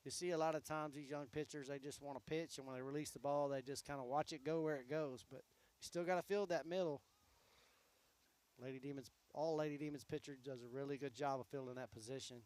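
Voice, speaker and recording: A man calling high school softball play-by-play, easygoing and chatty between pitches, his voice going hoarse. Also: steady tone, fairly quick. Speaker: play-by-play announcer.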